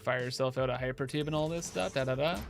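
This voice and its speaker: A man's voice: mid-range voice, quick pace, creaky, soft background music. A young man livestreaming over a headset mic, thinking aloud in a casual, chatty way while he builds in a game.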